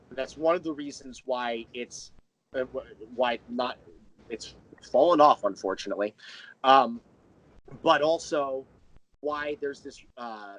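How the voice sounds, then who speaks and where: On a low-quality recording, a medium-pitched man who writes and creates audio dramas speaks as an interview guest. He chats in a relaxed way, explaining at length and clearly enthusiastic.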